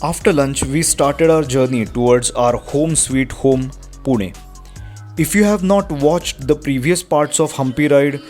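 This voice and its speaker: A man's voice: mid-range voice, darkish tone. A man with an Indian accent narrating a travel vlog from a script. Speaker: travel vlogger. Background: music.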